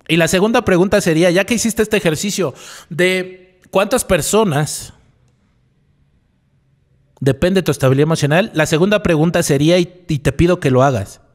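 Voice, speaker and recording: This male psychologist's radio reflection comes in a high-pitched voice at normal speed, broken by long pauses. He repeats key phrases, asks the listener rhetorical questions and often closes lines with "¿no?"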